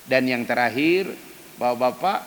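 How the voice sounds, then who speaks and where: A man's voice: animated, measured pace. A man preaching an emphatic dawn sermon in a mosque, speaking directly to the men of the congregation. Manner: acts out quoted prayers in loud, high cries. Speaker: ustadz preacher. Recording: reverberant mosque hall with faint hiss.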